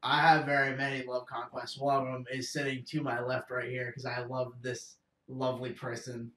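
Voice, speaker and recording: A man's voice: medium pitch, completely flat delivery, normal speed, a bit bright. A young man in casual chat with friends, blunt and laid-back, swearing freely. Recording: roomy, distant mic.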